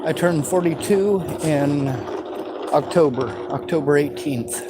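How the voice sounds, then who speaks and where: A man's voice: a little high, measured pace, background noise. Bitter, swearing man in his forties. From western United States. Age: 40s. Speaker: vlogger answering viewer questions. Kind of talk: angry unscripted monologue.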